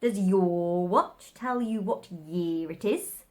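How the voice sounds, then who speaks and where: A woman's voice: lowish voice, slow. A woman voicing an eccentric male hatter from a storybook, blunt, querulous and contrary. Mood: muttering.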